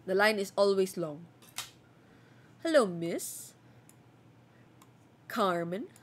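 A woman's voice: medium pitch, expressive, slow, a little hiss or hum. A woman giving playful gameplay commentary while role-playing a border officer. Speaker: game streamer.

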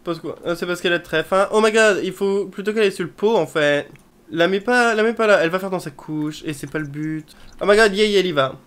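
A woman's voice: lowish voice, brisk. A woman chatting casually as she plays a life-simulation game, swearing and dropping English exclamations. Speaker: video game let's player. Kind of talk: casual gameplay commentary.

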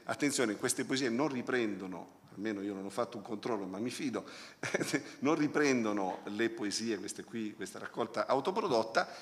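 A man presenting a poetry book as a critic, talking through the poems analytically and hesitantly as he searches for words. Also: mid-range voice. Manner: analytical, close reading of sound patterns. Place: lecture hall. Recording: long reverb of a hall.

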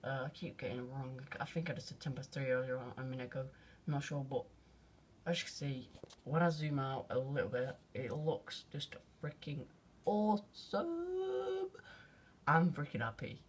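A teenage guy excitedly narrating a quick phone video, rambling with lots of fillers and casual slang. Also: mid-range voice, a little hiss or hum. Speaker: vlogger. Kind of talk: excited off-the-cuff phone commentary. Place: at home by an open window at night. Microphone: phone held out of a window.

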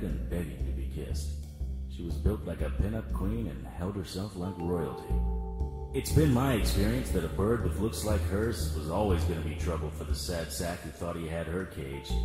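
A male actor with a low, husky voice plays a world-weary, wisecracking supernatural private eye in a noir radio drama. He delivers sardonic old-detective patter in a wry, appraising mood.

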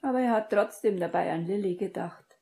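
A woman reading an audiobook and voicing a distraught, guilt-ridden young witch in a breathy, pleading whisper. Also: mid-range voice, brisk, mellow, voice pushed up, close to an everyday voice. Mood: upset.

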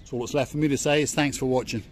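An older vlog host walks along a seaside harbour promenade, joking and chatting tour-guide style into a handheld phone, and he talks very fast in a steady, medium-pitched voice. The outdoor noise is faint.

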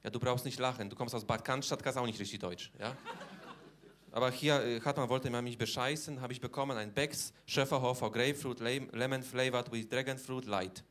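Guy doing a brash polish accent jokester, broken grammar, ends every line with a little question, mid-pitched. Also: steady tone, fairly quick, a bit bright, close to an everyday voice. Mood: cheeky. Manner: broken German with a constant tag question. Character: cheeky boastful Polish man, brash jokester. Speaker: comedian in character. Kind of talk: stand-up comedy.

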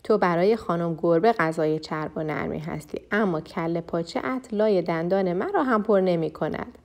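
Woman voicing a big male lion, booming and kindly, storybook tale, louder than the narration. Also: close to an everyday voice. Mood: amused, generous. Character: big amused male lion, generous host of the forest.

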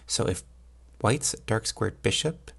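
A man with a low voice full of heavy creak explains chess positions in a measured, instructional way. His tone is a husky rasp, suited to podcast commentary. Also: animated, fairly bright tone.

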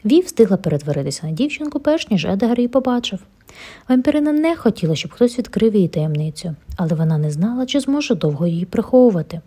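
A woman reading a children's bedtime story aloud in a gentle, expressive way, with a breathy voice. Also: mid-range voice, quick pace.

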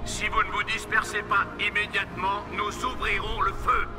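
A man's voice: high voice, level tone, moderate pace. An actor playing a male police commander in a video game, giving firm orders through a megaphone. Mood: stern. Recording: echoey game audio over loud music.

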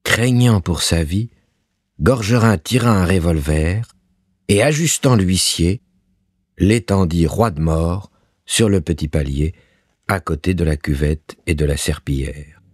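A man narrating a story in a measured, expressive way. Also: sits low, slightly rough, no room sound, clean studio sound.

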